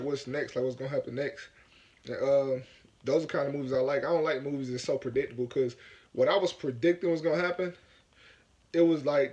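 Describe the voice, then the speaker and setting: A man from Africa giving a casual movie review, rambling and repeating himself with lots of "like". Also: on the high side.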